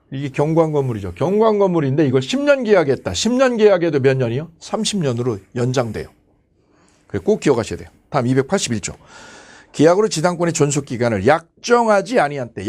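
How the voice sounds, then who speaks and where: A man's voice: mid-range voice, a little mellow. Guy teaching a law class for exam prep, bouncy up and down voice, keeps quizzing himself and repeating numbers. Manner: asks and answers his own questions, repeats key numbers. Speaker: lecturer.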